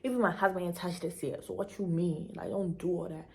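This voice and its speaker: A young woman with a Ghanaian accent tells a story to camera in an emphatic, animated way, mixing local slang into her talk. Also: on the low side, brisk, vocal fry. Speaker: vlogger.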